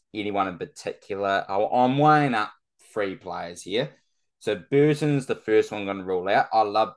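Male sports-chat guest, lowish pitch, laid-back and slangy.

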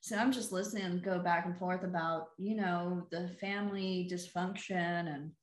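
A woman's voice: lowish voice, fairly even intonation, moderate pace, echoey room. A woman guest on a podcast, telling stories in a laid-back chat and often trailing off mid-sentence. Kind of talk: casual chat.

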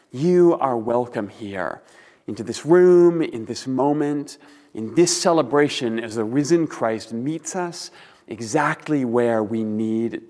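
A man preaching a sermon as a pastor, speaking in deliberate, earnest phrases with rhetorical pauses, in a large empty room. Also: medium pitch, darkish tone. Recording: reverberant empty hall.

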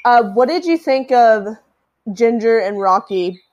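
A woman's voice: a little high, lively intonation, a little slow, darkish tone, dull audio. A young woman co-hosting a podcast, agreeing a lot and laughing easily as she chats about films. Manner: giggly, agreeable, chimes in often. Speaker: podcast co-host. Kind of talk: casual film discussion.

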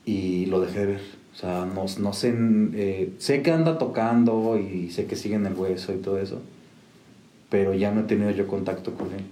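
Low-voiced man, mellow and echoey. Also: moderate pace. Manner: rambling with many restarts and fillers. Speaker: musician guest. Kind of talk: casual storytelling. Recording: echoey room with faint noise.

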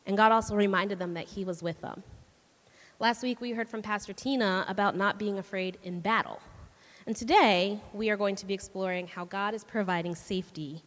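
A woman gives a conversational sermon with a mid-range voice, tossing quick questions and laughs to her listeners. Her voice carries a long reverb from a large church hall. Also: medium pitch. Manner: chatty, laughing, asks the audience questions. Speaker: church speaker.

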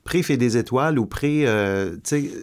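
A man's voice: medium pitch, normal speed, smooth. A man with a Québécois French accent hosting an interview, asking questions and often restarting his sentences. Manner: lively questioning, frequent stammered restarts. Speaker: podcast host. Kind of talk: conversational interview.

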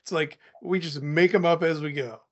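A man's voice: on the high side, steady tone, normal speed. A man co-hosting a casual podcast chat who speaks bluntly and lists examples one after another. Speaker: podcast co-host. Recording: dull lo-fi audio.

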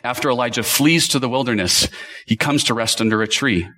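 A man's voice: medium pitch, fairly quick, sharp tone. Emphatic male preacher. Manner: emphatic, builds to rhetorical questions. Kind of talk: sermon with scripture reading.

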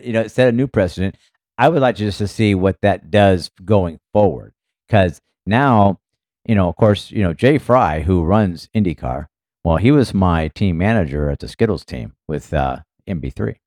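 A man's voice: on the low side, a little mellow, no room sound, studio quality. A man co-hosting a podcast, chatting casually about motor racing in a rambling way full of fillers. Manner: rambling, filler-heavy, many "you know"s. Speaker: podcast co-host, former racing team member.

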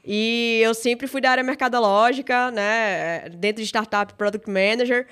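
A woman's voice: on the high side, a little slow, fairly bright tone, clean tone. Bahian woman in her thirties, chatty. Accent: Bahian Portuguese. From Salvador, Bahia, Brazil. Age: 30s. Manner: reflective, sprinkles "né" often. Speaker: podcast guest, startup founder. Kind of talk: casual interview chat.

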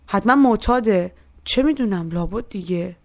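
A woman's voice: medium pitch, lively intonation, dry recording. A young woman narrating a personal story in a reflective, first-person way. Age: young adult. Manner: reflective, quotes others in voiced asides.

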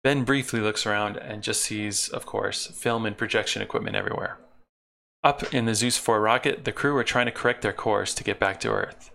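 A man's voice: lowish voice, steady tone, a little fast, gravelly, pushed and bright. A man narrating a plot recap of an old episode, breaking in now and then with wry, sarcastic asides.

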